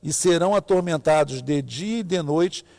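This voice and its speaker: Creaky-voiced Brazilian man, reverberant sound. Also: fairly high pitch, moderate pace, darkish tone. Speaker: pastor, co-host. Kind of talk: informal Bible reading and commentary. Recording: long hall-like reverb.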